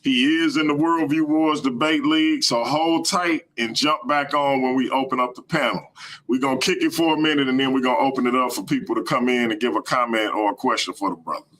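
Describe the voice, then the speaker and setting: A man hosting a live stream, talking casually in slangy, energetic bursts. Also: medium pitch, a little fast, low-quality recording.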